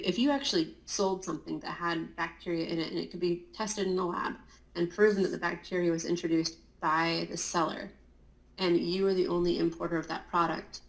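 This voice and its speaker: A woman's voice: fairly low pitch, creaky. Fields: Woman, guest, roomy-sounding call. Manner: chatty and explanatory, with many fillers and laughs. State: just woken, morning voice. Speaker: guest, Amazon compliance consultant. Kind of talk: casual interview talk. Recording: roomy echo.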